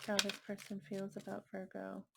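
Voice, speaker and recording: A woman giving a casual tarot reading in a gentle, musing way. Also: medium pitch, monotone, moderate pace, gravelly, very noisy. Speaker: tarot reader.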